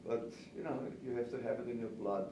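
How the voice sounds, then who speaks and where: Brisk and steady in tone, a man's mid-range voice comes through a distant, roomy, noisy recording. He is in his seventies, a native German speaker with an Austrian accent, and he answers interview questions conversationally as a veteran pastry chef and cake instructor.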